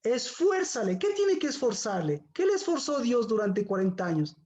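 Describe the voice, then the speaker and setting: High-voiced woman teaching the Bible. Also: very animated, normal speed, darkish tone. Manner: asks many rhetorical questions to the listeners.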